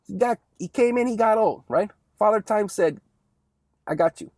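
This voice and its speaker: A man's voice: high voice, moderate pace, darkish tone, no room sound, clean studio sound. A young man talking through a casual one-take sports monologue, rambling and chatty and often tagging lines with "right?". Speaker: sports commentary vlogger.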